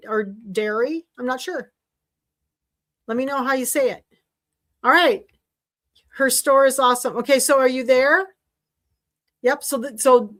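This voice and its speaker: Chatty woman hosting a sewing livestream. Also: high voice. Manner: chatty, rambling, with fillers and restarts. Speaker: sewing class host. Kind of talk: casual livestream chat. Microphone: desk mic while streaming.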